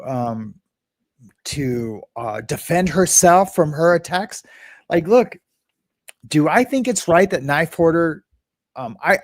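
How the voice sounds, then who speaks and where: A man's voice: fairly high pitch, no echo. Rambling man hosting a livestream. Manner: rambling, greets chat viewers, frequent restarts and filler. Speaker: livestream host. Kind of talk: casual livestream commentary.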